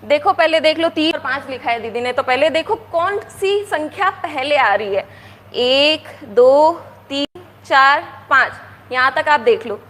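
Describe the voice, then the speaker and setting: A woman teaching counting to young children in a coaxing way, asking if they follow and counting aloud slowly. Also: sits high, lively intonation, a bit bright, big-room sound. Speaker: primary school teacher. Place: classroom with a board.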